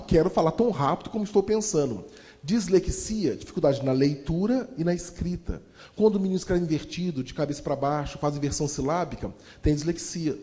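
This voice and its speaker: A man, telling a humorous story to an audience in an animated, fast-talking way. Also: fairly high pitch. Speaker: motivational storyteller. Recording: long hall reverb.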